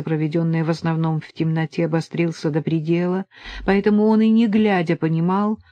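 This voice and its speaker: A woman narrating an audiobook in a calm, measured way. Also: fairly low pitch, no room sound, lo-fi sound. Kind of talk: scripted narration.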